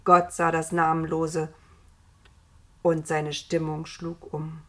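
A woman narrating a children's story in a calm, expressive storytelling manner. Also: deep voice, takes it slowly.

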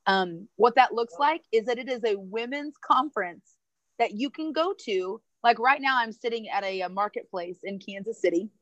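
A woman who leads a women's ministry chats enthusiastically on a video call from a marketplace, throwing in quick asides during this casual livestream. Her voice is on the high side and fairly bright. There's no room sound, but the audio is dull.

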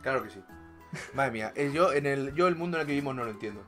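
Bright-voiced Spanish man telling stories. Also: mid-range voice, fast talker, soft background music. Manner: animated storyteller, acts out dialogue, frequent laughter. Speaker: podcast co-host. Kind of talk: casual chat.

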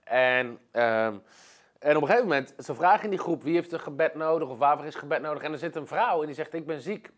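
A man's voice: on the high side, fairly quick. A man preaching a sermon, telling a story with emphatic repetition.

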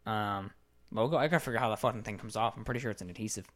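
A young American man co-hosting a podcast, telling stories in a casual, animated way and swearing a lot. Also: fairly low pitch, rapid-fire. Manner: animated storytelling with frequent swearing. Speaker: podcast co-host. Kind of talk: casual chat.

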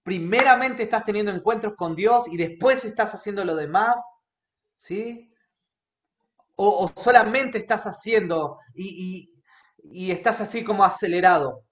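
A high-voiced man, preaching a sermon in an earnest, personal way. He keeps checking in with his congregation as he talks. The sound is roomy and echoey. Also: unhurried, a bit bright. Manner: earnest, checks in with the congregation by asking "right?" again and again. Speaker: pastor. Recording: echoey room.

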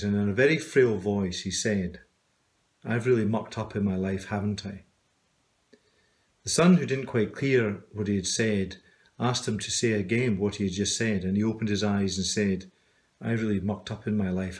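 Middle-aged man, lowish voice, earnest and measured, telling a reflective personal story. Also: a little mellow. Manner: measured, earnest, often slowing down. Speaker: video storyteller.

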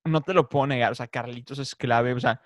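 A man co-hosting a casual podcast chat, playful and quick to laugh. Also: medium pitch, steady tone, no echo, clean studio sound. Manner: playful, laughs often, imitates cartoon voices. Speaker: podcast co-host.

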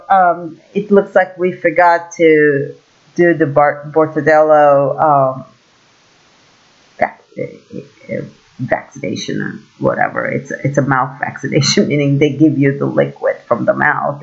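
Woman from turkey chatting slow, voice jumps up and down a lot, kinda dull lo-fi sound. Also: medium pitch. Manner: animated storytelling, exclaims in quoted asides. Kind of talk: casual monologue.

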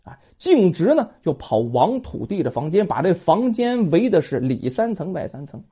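Lively woman telling a folk tale. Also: fairly low pitch, normal speed, slightly rough. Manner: lively, dramatic colloquial telling. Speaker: storyteller. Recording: dull lo-fi recording.

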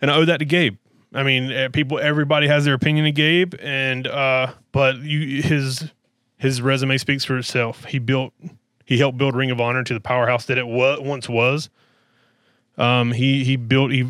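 A man's voice: medium pitch, level tone, normal speed, a bit bright, clean tone, no room sound, studio quality. A man hosting a wrestling talk show in a casual, rambling way, worn out and out of breath. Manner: rambling, with many restarts and fillers. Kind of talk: casual chat.

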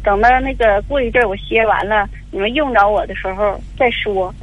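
A woman's voice: medium pitch, brisk. An older woman, calling in to an advice radio show and telling a long, tearful story with many fillers. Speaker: caller. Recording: dull lo-fi phone line.

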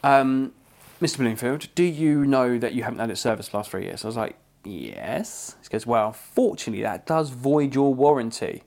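A young English man co-hosting a podcast, telling a story in a casual, animated way and swearing freely. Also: medium pitch, a little fast. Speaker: podcast co-host.

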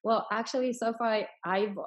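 A woman with a higher-pitched voice speaks at normal speed with fairly even intonation. Born in Finland and raised in Sweden, she is a property investor appearing as an interview guest, explaining things casually in English, her third language rather than her first, and acting out quoted dialogue in an informal way.

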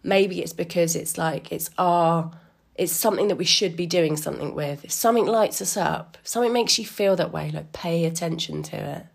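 A woman with a somewhat low, gravelly-edged voice and a slight wheeze talks off the cuff. She muses like a solo podcast host, chatty, informal and enthusiastic. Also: normal speed. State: a bit wheezy today. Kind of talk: casual solo musing.

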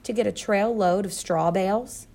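A woman's voice: mid-range voice, normal speed, gravelly, mellow. A woman voicing a sardonic male rabbit who talks in slang and mocks, in a storybook reading. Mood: mocking. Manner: slangy, mocking.

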